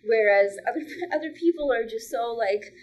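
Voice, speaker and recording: A woman's voice: on the high side, lively intonation, moderate pace, rough recording. A woman stand-up comedian chatting casually as a podcast guest, talking loosely with lots of "like" fillers and frequent laughter.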